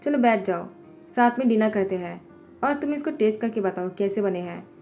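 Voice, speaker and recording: A woman's voice: medium pitch, normal speed, a little mellow, natural voice. A woman voicing a cold, scheming young male company president who gives curt orders in a storybook narration, with faint music behind her. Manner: curt, bossy.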